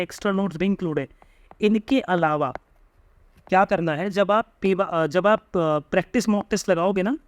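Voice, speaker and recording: A young man with an Indian accent giving emphatic study advice straight to his viewers, peppering his talk with quick check-ins. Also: high voice, dry recording. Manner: emphatic, repeats tag questions like "theek hai". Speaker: exam coaching guide. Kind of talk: direct-to-camera study advice.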